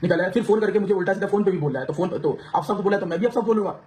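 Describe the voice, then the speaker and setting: A man's voice: high-pitched, very fast, darkish tone, slight background noise. A man vlogging to his viewers, pouring out an aggrieved personal account with many restarts. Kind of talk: emotional personal account to camera.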